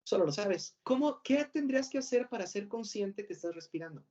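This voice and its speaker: A man's voice: high voice, lively intonation, a little fast, darkish tone. A man with a Mexican Spanish accent giving a mock lecture to a class as a professor. He rambles, corrects himself and fires off rhetorical questions. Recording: dull lo-fi recording.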